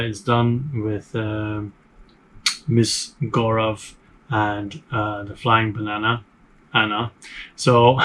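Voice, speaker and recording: The host of a board game review channel, a man with a mid-range voice, talks loosely to camera surrounded by shelves of games. He is chatty and meandering, full of fillers and false starts, and the recording is rough.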